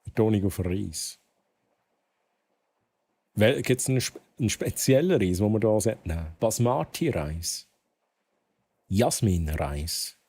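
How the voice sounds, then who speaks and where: Swiss german guy streaming, chatty, laughs a lot, mellow lowish voice. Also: lively intonation, unhurried, pauses often. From Switzerland. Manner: chatty, laughs a lot, reads game text aloud. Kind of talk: casual gameplay commentary.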